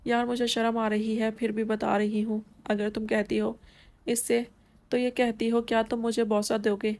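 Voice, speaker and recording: A woman's voice: fairly high pitch, little pitch movement, a little mellow, lightly acted. A woman voicing a mischievous young woman who talks in a playful, teasing way.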